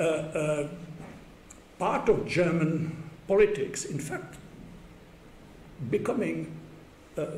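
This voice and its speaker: A man's voice: fairly high pitch, darkish tone. An older man giving an academic conference talk in a university room, hesitant with many fillers and wry chuckles. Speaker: conference speaker. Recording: echoey room, faint background hum.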